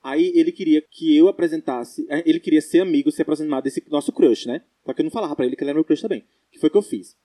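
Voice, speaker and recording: Telling stories with animation and laughter, a young man with a Brazilian Portuguese accent joins casual podcast chat as co-host. His slightly high voice races along with few pauses.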